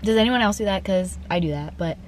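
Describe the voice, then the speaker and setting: A woman's voice: mid-range voice, quick pace, darkish tone, slight background noise. A young woman chatting casually to her camera from inside a car, with lots of "like". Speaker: vlogger. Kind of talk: casual vlog chat. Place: in a parked car. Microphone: phone camera on dashboard.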